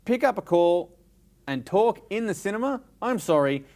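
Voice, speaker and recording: An Australian man co-hosting a casual chat, emphatic and animated when telling stories. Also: high voice, moderate pace. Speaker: podcast co-host. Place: cinema.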